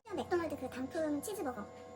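A woman in her forties chatting casually to the camera as she eats, in a quick, animated way. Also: high-pitched. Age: 40s. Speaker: vlogger. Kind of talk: casual chat to camera while eating.

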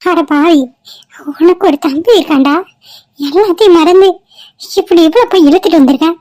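A woman's voice: very high voice, moderate pace, mellow, no echo, rough recording. A woman voicing a middle-aged village mother in a cartoon, scolding and sarcastic toward her son. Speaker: mother of the groom. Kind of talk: cartoon voice acting.

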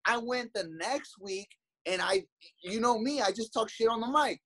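A man's voice: extremely high pitch, sing-song, moderate pace, vocal fry, a bit bright, low-quality recording. A young adult man, a comedian guest, arguing heatedly and defensively on a podcast, rambling and cursing.

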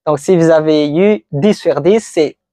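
A woman giving a slow vocabulary quiz lesson as an English teacher, patiently repeating each word for learners. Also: deep voice, mellow, no echo.

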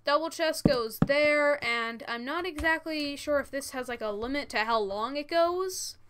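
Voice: sits high, measured pace, a bit bright. A thirteen-year-old who says w for r, giving casual, informal step-by-step commentary as host of a gaming tutorial. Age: 13 years old. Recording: noisy, with keyboard and mouse clicks.

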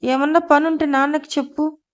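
Brief: woman reading a firm traditional mother in a storybook audio drama, high voice, dull lo-fi audio. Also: level tone, fairly quick, natural voice. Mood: stern. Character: strict traditional middle-aged mother.

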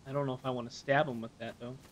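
A man's voice: medium pitch, level tone, rapid-fire, a little hiss or hum. A man chatting casually while playing a co-op game, joking and swearing with his partner. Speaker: gamer.

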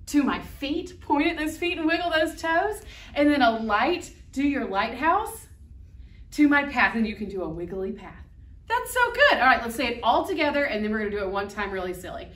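A woman's voice: a little high, fairly bright tone, recorded from a distance. A woman children's ministry teacher, upbeat and playful, leading small kids through a Bible verse with hand motions. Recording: echoey room, voice from off-mic.

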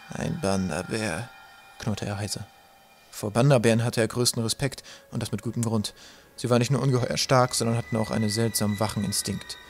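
A man reading an audiobook aloud in a measured storytelling manner. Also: mid-range voice, a little hiss or hum. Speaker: audiobook narrator. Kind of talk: scripted narration.

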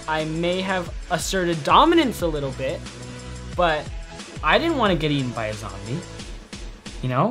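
A teenage actor playing a petty, easily sidetracked apocalypse survivor who rambles and keeps apologizing in a comedic short film. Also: male voice, high voice, a bit bright. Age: teens. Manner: rambling, self-interrupting, apologetic asides. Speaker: survivor recording a video message.

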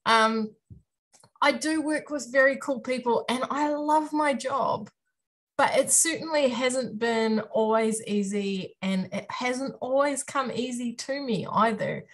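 Over a webcam video call from a room at home, a university lecturer in her thirties with a New Zealand accent gives students an online career talk. Her voice is fairly high and slow, and her manner is friendly and self-deprecating.

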